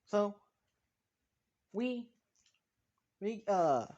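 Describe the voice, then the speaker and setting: A man's voice: high voice, lively intonation, drawn-out words, a little mellow, highs cut off. A man telling a fan story in casual talk, rambling with many restarts and fillers.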